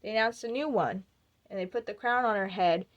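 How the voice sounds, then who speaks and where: A woman's voice: mid-range voice, a little fast, muffled recording, lightly acted. A woman playing a wry, outspoken ex-beauty queen. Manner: wry storytelling with acted quotes. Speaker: actor performing a monologue. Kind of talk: theatrical monologue.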